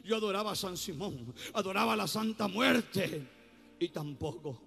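A male pastor, preaching his testimony outdoors in the rain with fervent, sung and shouted phrases. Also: sits high, expressive, normal speed, gravelly. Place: outdoors in the rain at a bus terminal. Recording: faint music behind.

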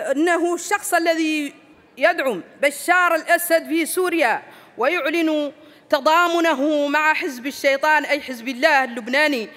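High, bright-voiced woman orating in hall. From Mauritania. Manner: emphatic, rousing oratory. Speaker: former parliamentarian giving a speech. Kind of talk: formal political speech read from notes. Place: large banquet hall, indoors. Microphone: lectern microphones. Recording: reverberant hall.

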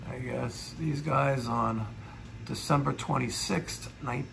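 Plumber vlogger, man in his 40s, New York accent, hyped and animated, phone-filmed in a basement. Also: mid-range voice, takes it slowly, creaky, slight background noise. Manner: animated, hyped, talks to viewers. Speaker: plumber and heating technician. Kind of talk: on-the-job vlog narration. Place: house basement boiler room. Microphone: phone camera at arm's length.

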